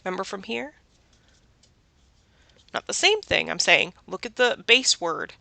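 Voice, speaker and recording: Southern woman teacher, unhurried and patient, quizzing kids on words, bright tone. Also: medium pitch, sing-song, vocal fry, no echo. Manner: slow, patient, asks questions and answers them. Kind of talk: children's literacy lesson.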